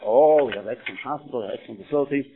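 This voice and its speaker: A man's voice: mid-range voice, very fast, music in the background, lightly acted. Man doing a boastful hospital administrator. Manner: boastful, salesy. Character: proud male hospital administrator. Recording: tinny phone-like sound.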